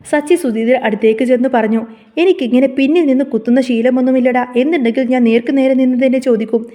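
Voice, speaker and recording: A woman's voice: sits high, fast talker, warm tone. A woman narrating a recap of a TV serial episode, reading the characters' lines within her retelling.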